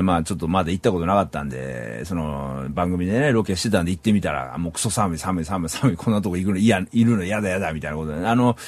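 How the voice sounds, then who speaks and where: Rambling low-voiced man, lively pitch. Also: no echo. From Saitama, Japan. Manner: rambling, chuckles at himself, many fillers. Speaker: podcast host. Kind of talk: solo casual chat.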